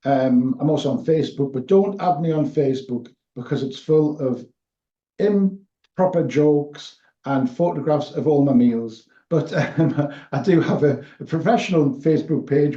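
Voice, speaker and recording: A man chats casually as a magician guest. His voice is slightly high yet very dark and soft-edged. The sound is echoey and roomy. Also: unhurried. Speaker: guest performer, wedding and prom magician. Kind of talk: casual chat. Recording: roomy, dull lo-fi call audio.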